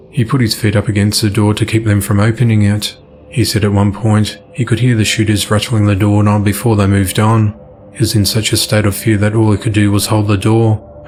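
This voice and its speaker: A man reading crime news from a script in an even newsreader delivery. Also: on the low side, slight background noise. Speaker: news reader.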